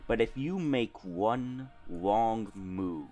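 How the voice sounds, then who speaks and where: Tabletop game gunslinger woman, acted by a man: low, slow, theatrical menace, cold and grim, music behind. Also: expressive, a little mellow, full character voice. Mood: grim threat.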